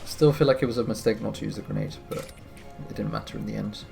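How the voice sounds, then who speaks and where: A man giving relaxed, wry commentary on his gameplay, sounding a bit tired. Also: fairly low pitch, fast talker, vocal fry. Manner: relaxed, wry, thinking aloud. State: tired, yawning. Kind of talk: casual let's-play commentary. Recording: music playing behind.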